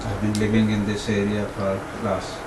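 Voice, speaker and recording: Halting man, low voice, echoey room. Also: completely flat delivery. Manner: halting, searching for words. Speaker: discussion group member. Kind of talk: casual self-introduction. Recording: roomy, distant mic, background noise.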